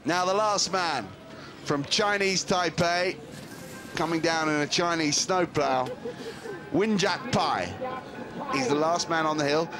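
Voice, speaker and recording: A man calls a ski race live, chuckling often at the action. His voice sits high and he talks at an unhurried pace. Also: music in the background. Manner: amused, laughing, excitable. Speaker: ski commentator. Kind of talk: live sports commentary.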